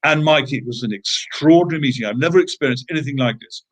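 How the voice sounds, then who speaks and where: A British man recounts events as an interview guest, in an even mid-range voice. He speaks emphatically, stumbling through fillers and false starts as he goes. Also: mid-range voice, fast, husky. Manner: emphatic, hesitant with fillers and restarts. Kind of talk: conversational storytelling.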